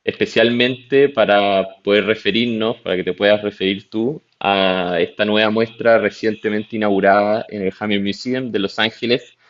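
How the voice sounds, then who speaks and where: A man's voice: lowish voice, steady tone, moderate pace. A man hosting an interview, asking courteous, long and winding questions. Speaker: interviewer, gallery director. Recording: dull lo-fi audio.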